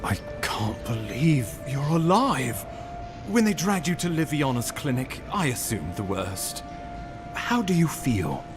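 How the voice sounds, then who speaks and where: An actor playing an earnest, courteous imperial ambassador in a video game, speaking in a formal, eloquent and measured manner. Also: male voice, medium pitch, sing-song, over music. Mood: relieved concern. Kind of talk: dramatic video game dialogue.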